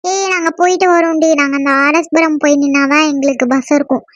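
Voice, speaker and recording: Brief: a woman doing chatty college-girl friends in a cartoon, very high and squeaky, recorded bone-dry. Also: fairly even intonation, fast, no room sound, lightly acted. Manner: chatty, teasing. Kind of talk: cartoon voice acting.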